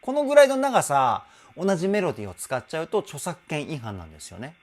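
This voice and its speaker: Animated man breaking down a singer's voice. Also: a little high, fast. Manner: enthusiastic, explanatory, sings short demo phrases. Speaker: vocal trainer. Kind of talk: song vocal analysis commentary.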